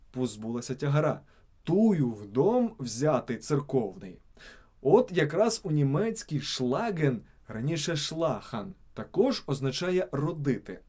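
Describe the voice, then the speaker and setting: A man's voice: on the high side, dark tone. A man reading scripted narration for a video channel, stressing each example word on its own.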